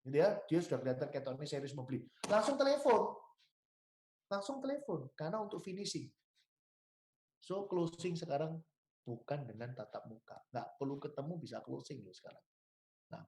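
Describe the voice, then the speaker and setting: A man's voice: mid-range voice, darkish tone, slight background noise. Javanese-accented man coaching salespeople. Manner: emphatic, coaching, mixes in Javanese and English words. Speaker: insurance sales trainer. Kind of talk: sales training talk. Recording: roomy echo.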